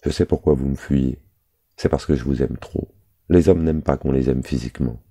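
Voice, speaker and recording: A man's voice: extremely low pitch, fairly quick, dark tone. A man reading aloud the lines of a jealous, capricious young woman, voicing her with little change from his own voice.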